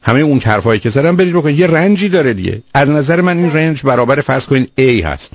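A man's voice: medium pitch, expressive, no room sound. Male radio advice host, emphatic and dry. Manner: emphatic, counseling, repeatedly says "dear". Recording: dull lo-fi radio audio.

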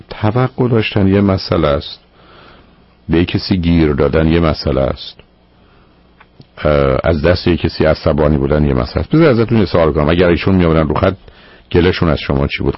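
A man's voice: sits low, no room sound, highs cut off. A man hosting a radio call-in show as a psychologist, probing and lecturing his caller firmly. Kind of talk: call-in advice counseling.

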